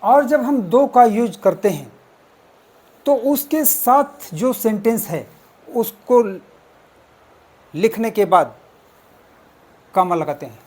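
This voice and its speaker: Coaching teacher, exam answer walkthrough, slow pace, mid pitch, repeats key words. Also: lively intonation, a little mellow, slightly rough. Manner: deliberate, repeats and spells out words step by step. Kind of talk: explaining exam answers, mixing English terms.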